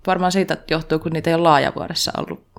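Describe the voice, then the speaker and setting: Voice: mid-range voice, steady tone, vocal fry. Chatty, laughing podcast host. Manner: rambling, chatty, self-mocking, laughs often. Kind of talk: casual chat.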